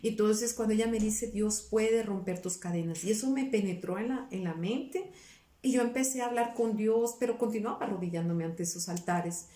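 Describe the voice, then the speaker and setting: A woman's voice: mid-range voice, moderate pace, dark tone. A woman giving an earnest, emotional personal testimony, often repeating her words and quoting her own past pleas. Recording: roomy, somewhat distant from the mic.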